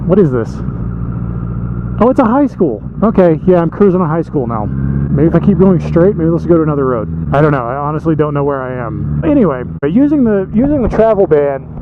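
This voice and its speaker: A man's voice: on the high side, sing-song, fairly quick. A man rambling and thinking aloud in a casual, emphatic vlog monologue, speaking inside a helmet as he rides a motorcycle. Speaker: motovlog host. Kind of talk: casual opinionated monologue while riding a motorcycle. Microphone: microphone inside a motorcycle helmet. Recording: muffled helmet mic, thin band, loud engine and road noise.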